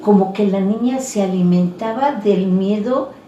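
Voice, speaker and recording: A woman's voice: mid-range voice, unhurried, dark tone, muffled recording, slight background noise. A woman telling a scary story in a casual, chatty way, full of little fillers. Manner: conversational, many fillers like "pues" and "¿no?". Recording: echoey room, voice a bit far from mic.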